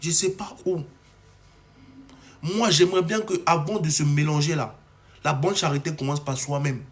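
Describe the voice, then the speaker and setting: A man's voice: on the high side, fairly even intonation, normal speed. A young adult man from Cameroon delivering an agitated, ranting monologue to camera, full of restarts. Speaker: comedy video maker.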